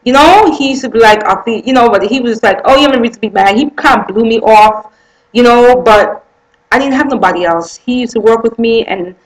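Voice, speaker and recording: A woman's voice: fairly high pitch, fairly quick, rough recording. A woman telling her own life story as an earnest, emotional testimony, repeating phrases for emphasis and running her sentences together. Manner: speaks in loose run-on sentences with many "I mean" and "you know". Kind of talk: personal testimony, casual spoken storytelling.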